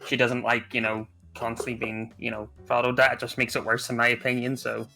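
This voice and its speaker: A man's voice: medium pitch, monotone, a little fast, vocal fry, bright, forceful tone, soft background music. A young man from Northern Ireland with a Northern Irish accent, co-hosting a game stream in casual, joking chat and trailing off mid-sentence. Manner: joking, laughs often, trails off. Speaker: stream co-host.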